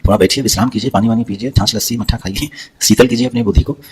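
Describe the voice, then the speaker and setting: A man's voice: on the low side, rapid-fire, husky. A man voicing a fatherly older village chief who coaxes and fusses. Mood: coaxing.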